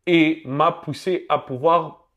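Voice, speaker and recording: A young man from Congo, talking in a relaxed, reflective way about his life and laughing easily. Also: on the high side, slow. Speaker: guest. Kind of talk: casual conversation.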